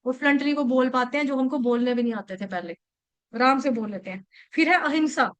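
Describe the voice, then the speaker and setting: With a high voice and slightly fast delivery, a young devotional speaker narrates scripture in a chatty, storytelling way. Frequent check-ins like "okay" and "right" keep her listeners engaged.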